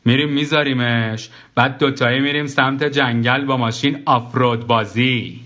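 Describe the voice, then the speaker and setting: A man's voice: medium pitch, steady tone, sharp tone, lightly acted. A man doing a blunt, proud car owner. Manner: short, blunt questions.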